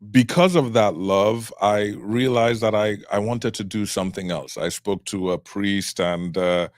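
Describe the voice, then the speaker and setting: A middle-aged man from Cameroon, a trial attorney, speaking as a guest in an interview in a measured, reflective way. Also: on the low side, steady tone, no echo, clean studio sound. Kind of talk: interview conversation.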